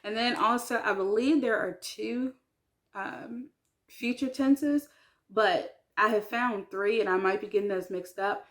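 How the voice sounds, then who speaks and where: A woman's voice: mid-range voice, a little slow, fairly bright tone. A woman talking casually to camera as a vlogger about learning a language, chatty and hesitant, with many fillers. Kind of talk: casual vlog talk.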